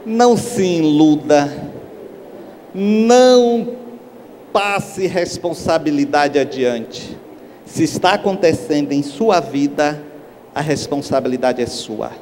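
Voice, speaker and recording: A man's voice: a little high, takes it slowly. A middle-aged man giving a spiritual lecture on a stage, telling stories and acting out the people in them. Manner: lively storyteller, acts out characters. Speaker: spiritist speaker. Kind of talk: lecture with acted anecdotes. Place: large hall on a stage. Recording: echoey hall, faint background hiss.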